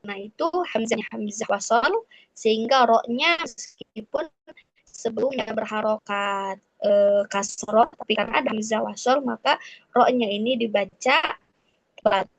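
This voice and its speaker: A woman teaching Quran recitation rules in an online lesson, explaining step by step and slowly modelling each example. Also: on the high side, no echo, low-quality recording. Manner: patient, explains step by step with frequent "nah" and "eh".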